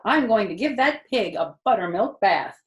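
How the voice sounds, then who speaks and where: A woman's voice: medium pitch, animated, moderate pace, roomy sound, voice pushed up, natural voice. A woman voicing a determined, fussy farm wife in a storybook, emphatic and insistent.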